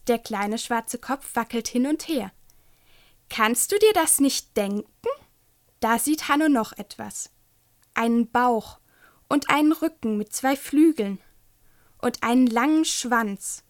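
A woman reading a children's book aloud and talking gently to young listeners. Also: a little high. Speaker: storyteller.

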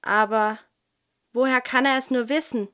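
A woman's voice: on the high side, fairly even intonation, moderate pace, pushed and bright, clean tone. A woman doing a fretful old professor. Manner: worried, self-reproaching. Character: fretful absent-minded old male professor.

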